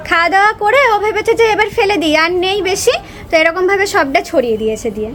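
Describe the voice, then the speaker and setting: A woman's voice: very high-pitched, very animated, fast talker, fairly bright tone. A woman from West Bengal vlogging about her toddler in a home courtyard, chatting fondly and slipping into baby talk, on a lapel mic. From West Bengal, India. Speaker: vlogger, mother. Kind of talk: casual vlog narration. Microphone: wireless lapel mic.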